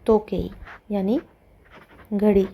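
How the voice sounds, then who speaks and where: Slow, mellow-voiced woman language teacher. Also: medium pitch, flat delivery, vocal fry, breathy edge. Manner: slow, careful explaining, drawing out the Japanese words. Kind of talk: explaining a textbook exercise.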